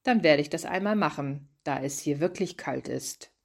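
A woman's voice: sits low, normal speed, creaky. A woman reading the lines of a kind, proud young father in a Christmas story. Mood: gentle. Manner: gentle, affectionate.

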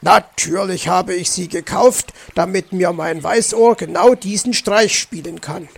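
Man reading a cranky, penny-pinching fox uncle for a kids' audiobook, high, creaky grumble. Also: fairly even intonation, a little slow, exaggerated voice. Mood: grumbling. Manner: grumbling, indignant. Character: grumpy stingy male fox uncle. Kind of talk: children's audiobook.

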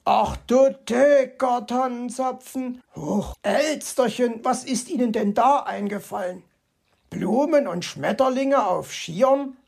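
A woman reading a children's audiobook, voicing a grumpy, vain male fox who grumbles and flares up quickly. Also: fairly high pitch, expressive, a little mellow, breathy edge, exaggerated voice. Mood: outraged. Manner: grumbling, easily outraged.

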